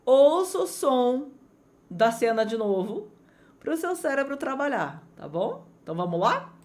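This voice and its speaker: Speaking at an even, measured pace, this English teacher from Brazil has a fairly high voice and an energetic, chatty manner. Her pitch rises and falls sharply between phrases as she talks straight to her online students.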